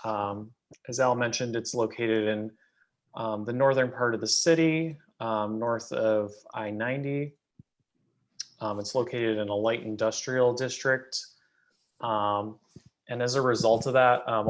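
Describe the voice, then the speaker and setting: Male planning staffer, medium pitch, matter-of-fact, presenting cases at a public meeting. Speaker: city planning staff member.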